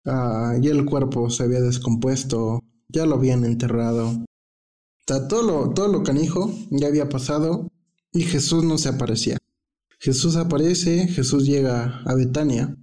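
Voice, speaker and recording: A man's voice: mid-range voice, moderate pace, warm tone. A man with a Mexican accent preaching a casual, chatty Bible teaching, full of slang, thinking aloud as he goes.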